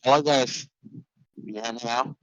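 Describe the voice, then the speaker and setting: A man's voice: medium pitch, normal speed, dry recording. A man talking as a remote guest on a live stream, his voice muffled by a poor connection. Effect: muffled, poor-quality stream connection. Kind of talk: casual political chat. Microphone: remote call audio.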